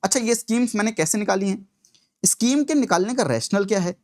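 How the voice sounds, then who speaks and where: Give me a male exam coach delivering a prep lecture, his voice rising and falling in a lively, animated way. He moves easily between Hindi and English, poses questions and answers them himself, and slows down carefully whenever he reads out quoted exam text. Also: high-pitched.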